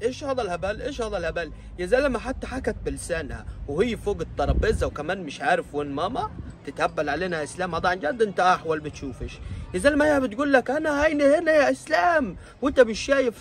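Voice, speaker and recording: A man rants through a comic reaction video in mock outrage. His voice sits high and swings widely. He talks fast and keeps up the exasperation. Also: lively intonation, a little hiss or hum.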